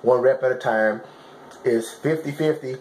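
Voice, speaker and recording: A man's mid-range, somewhat mellow voice moves at normal speed over slight background noise as he gives motivational fitness advice to camera. His informal coaching is emphatic and repetitive, full of check-in questions, and the sound is roomy and echoing.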